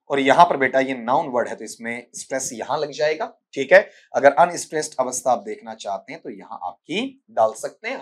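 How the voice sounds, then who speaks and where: A man with a mid-range voice and a Rajasthani Hindi accent teaches English for exams, answering student questions. He scolds the class, keeps asking "ठीक है?" and calls students "बेटा". He spells sounds out slowly and repeats words as drills.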